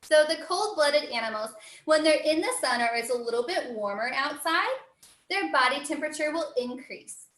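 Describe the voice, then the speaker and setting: Casting: American woman, cheerful zookeeper type teaching kids online, high-pitched voice, roomy echo. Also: animated, normal speed, a bit bright. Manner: cheery, encouraging zookeeper manner. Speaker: zoo educator. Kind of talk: live online lesson for children. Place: indoor room, online video call. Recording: roomy, echoing sound.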